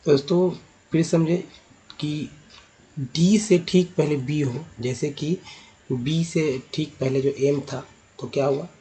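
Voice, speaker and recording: A man's voice: a little high, fairly even intonation, slow, long pauses, dark tone, slightly rough. A man teaching English pronunciation, explaining step by step, repeating words and correcting himself as he goes. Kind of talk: explanatory lesson.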